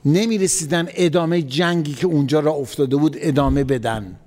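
A man's voice: on the high side, darkish tone. A man preaching a sermon, telling a story in a conversational way and repeating phrases for emphasis. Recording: long hall reverb.

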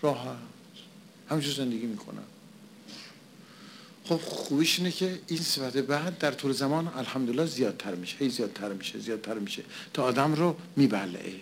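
A man's voice: medium pitch, expressive, vocal fry, a little hiss or hum. Man giving a conversational sermon. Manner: poses and answers his own rhetorical questions; repeats phrases for emphasis. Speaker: preacher.

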